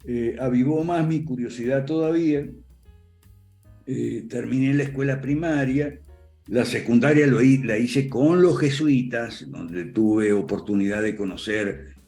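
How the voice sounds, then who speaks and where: With a mellow, medium-pitched voice and measured pace, an older man from Argentina lectures conversationally online, faint music playing behind him. His Argentine Spanish accent comes through, along with little chuckles and frequent "eh" and "¿ok?".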